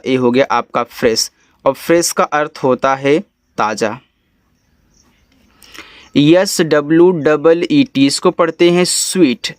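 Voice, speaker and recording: Slow-spelling Hindi-accented male teacher, dry sound. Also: a little high, clean tone, no echo. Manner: spells words letter by letter slowly, then explains. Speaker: English teacher. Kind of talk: spelling and reading lesson.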